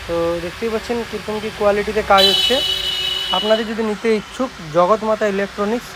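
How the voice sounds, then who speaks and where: A fast-talking young man with a high voice hosts a casual vlog showcasing products. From West Bengal, India, and speaking with a Bengali accent, this speaker repair technician keeps things informal, repeats himself, and reassures his audience. Constant loud background noise runs through the amateur recording.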